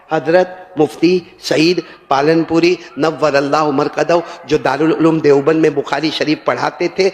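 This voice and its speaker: An older man preaching a sermon in a mosque, telling stories that climb to high impassioned calls and drop to soft asides. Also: gravelly. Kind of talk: emotional Islamic sermon. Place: large mosque gathering. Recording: reverberant hall sound.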